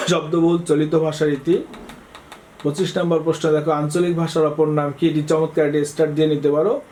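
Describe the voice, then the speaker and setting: A man teaching an exam-prep lesson, reading out quiz questions and answering each one briskly, often prompting students to look. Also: on the high side, warm tone, slight background noise, rough recording.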